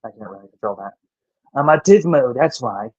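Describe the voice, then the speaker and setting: A man's voice: medium pitch, lively intonation, fairly quick, a little mellow, no echo. A young man from the American South chatting on his live stream, rambling with many restarts as he reads and answers viewers' chat. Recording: dull dry home mic.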